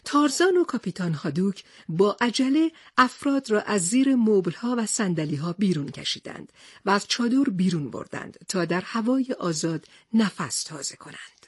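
A woman narrating a children's storybook in an expressive read-aloud manner. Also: mid-range voice, husky, no room sound, clean studio sound.

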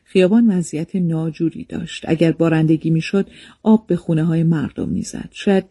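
A man reading a memoir aloud as a calm, measured storybook narration, recorded close to the mic. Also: fairly high pitch, breathy edge, no echo.

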